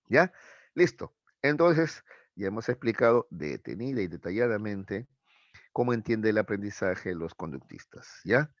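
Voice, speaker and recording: A man's voice: fairly low pitch, no echo. Male teacher, patient explainer, constant check-ins, dull dry recording. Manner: explains with examples, keeps checking with a tag question. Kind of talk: live online class lecture. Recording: dull, muffled dry sound.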